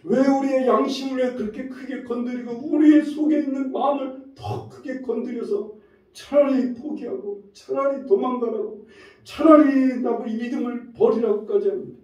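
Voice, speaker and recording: A man preaching a Sunday sermon as the church's pastor, his delivery swelling and dropping, at times rising nearly to a shout. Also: extremely high pitch, steady tone, moderate pace. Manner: preaching with frequent shifts in force, rising to near-shouts. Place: church sanctuary. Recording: roomy echo from a distance, dull lo-fi sound.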